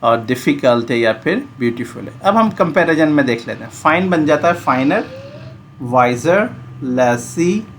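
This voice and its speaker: Man teaching grammar, steady explaining. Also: on the high side, slight background noise. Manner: explains slowly, switching into English examples. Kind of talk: grammar lesson.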